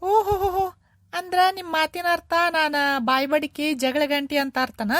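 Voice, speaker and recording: A woman's voice: fairly even intonation, moderate pace, a bit bright, dry recording, studio quality. A woman voicing a nagging older mother-in-law in a cartoon, complaining and repeating herself in a North Karnataka accent. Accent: North Karnataka Kannada. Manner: shrill, complaining, repetitive.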